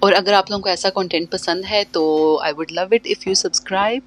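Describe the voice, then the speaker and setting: A woman's voice: mid-range voice, fairly even intonation, unhurried, faint music behind. A young woman, narrating her home cleaning vlog in a chatty voice-over that slips between languages. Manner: chatty, mixes in English phrases, many fillers. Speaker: vlogger and homemaker. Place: home, living in London.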